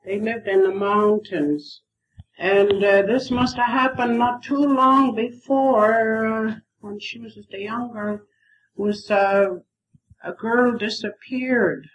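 A woman's voice: fairly high pitch, steady tone, takes it slowly, poor audio. A woman interpreting in an interview, hesitant and full of fillers, heard on old worn tape. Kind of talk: casual spoken translation. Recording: worn 1970s tape with faint hiss.

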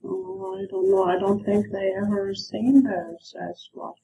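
Woman interpreter, halting, slow, faint tape hiss, old worn tape. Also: mid-range voice, sing-song, creaky, mellow, low-quality recording. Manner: hesitant, many fillers. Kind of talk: casual spoken translation.

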